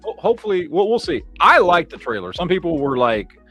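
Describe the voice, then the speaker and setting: A man hosting a casual live stream chat, talking in an animated way with lots of "you know what I mean.". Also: on the high side, brisk. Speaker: show host. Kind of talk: casual chat about toys and films. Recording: live stream with faint background music.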